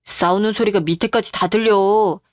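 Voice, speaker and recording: A woman's voice: medium pitch, steady tone, normal speed, dry recording, studio quality, close to an everyday voice. A woman voicing a young husband who sides with his mother, with an accusing, defensive manner. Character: young husband, mama's boy. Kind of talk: radio drama reading.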